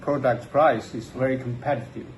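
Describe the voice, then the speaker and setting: Slow, halting man in an echoey room. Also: mid-range voice, fairly even intonation, dull audio. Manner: slow, halting English with many fillers. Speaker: interviewee. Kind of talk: street interview. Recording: echoey room with faint noise.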